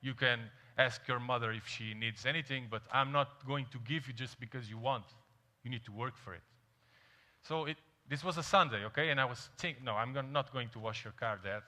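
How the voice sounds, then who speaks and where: A young man from the Azores, Portugal, delivers an energetic keynote on a large, dark stage, his super bright, tense, medium-pitched voice echoing with hall reverb. He speaks a little fast, animated and storytelling, and asks the crowd questions.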